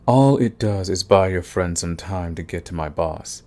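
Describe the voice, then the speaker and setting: In an intimate ASMR romance roleplay, a voice actor with a low, slightly mellow, natural voice speaks at a moderate pace. His character is a smug villain who flirts with and is fond of the enemy, taunting with a drawling menace.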